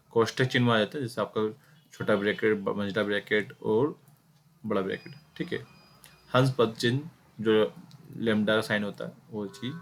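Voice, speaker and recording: A man's voice: lowish voice, slight background noise. A man teaching an exam-prep Hindi grammar lesson, explaining step by step with many fillers and self-corrections, and speaking directly to his students. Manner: addresses students directly, repeating key points.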